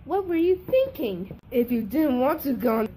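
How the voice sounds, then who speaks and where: A woman voicing grown-ups in an animated cartoon, talking in a stern, scolding manner. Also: sits high, unhurried, slight background noise. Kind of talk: animated grounded-video dialogue.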